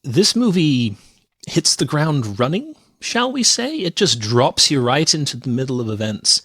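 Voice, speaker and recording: A man's voice: fairly high pitch, unhurried, breathy edge, no room sound, studio quality. Amused man recapping a film. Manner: animated storyteller, recaps scenes with amused laughs. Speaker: podcast host. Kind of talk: casual film review chat.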